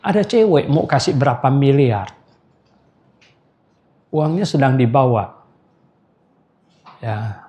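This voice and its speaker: A man's voice: medium pitch, big pitch swings, slow, pauses often, warm tone. An older man, a pastor, giving an anniversary sermon in a chatty storytelling way, laughing and calling out questions to the congregation.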